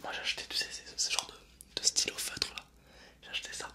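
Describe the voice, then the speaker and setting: A young man whispering softly in an informal, chatty ASMR style, speaking directly to viewers into a close binaural microphone. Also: a little fast. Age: young adult. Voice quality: soft unvoiced library-style whisper. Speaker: ASMR video host. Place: small indoor setup. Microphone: close binaural ear-shaped microphone.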